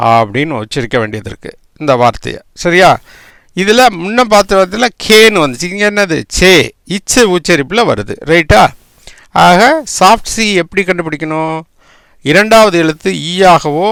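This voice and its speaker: A man's voice: on the high side, gravelly, fairly bright tone, no room sound, clean studio sound. A man teaching English spelling and pronunciation, spelling words out letter by letter and often checking with "right?".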